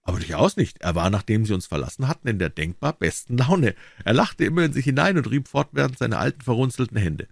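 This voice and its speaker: A man's voice: medium pitch, big pitch swings, quick pace, vocal fry, hardly any pauses, no echo, studio quality. A man voicing a worldly male painter who teases his friend, in a droll, lightly mocking way, in a storybook reading. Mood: amused.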